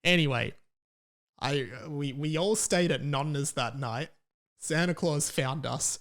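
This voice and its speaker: On the high side and fairly bright, this man's voice unfolds at an unhurried pace. He's hosting a podcast, telling a story from his own life in a joking, easygoing manner, with dramatic stress, repeated lines and casual swearing.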